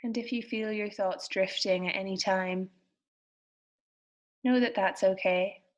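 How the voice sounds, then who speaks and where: In gentle, soothing tones, a woman guides a meditation with a medium-pitched voice and fairly even intonation. She offers soft instructions in short, unhurried phrases separated by pauses, and the audio sounds dull.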